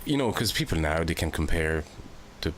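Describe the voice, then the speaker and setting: Male host, 40s, low register, easygoing reflective chat. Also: animated, normal speed, slight background noise. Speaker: podcast host. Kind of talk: casual conversation.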